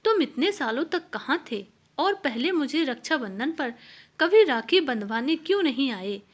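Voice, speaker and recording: A woman voicing a gentle young married woman in a folk tale, speaking softly and pleadingly. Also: high-pitched, sing-song, measured pace. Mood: curious.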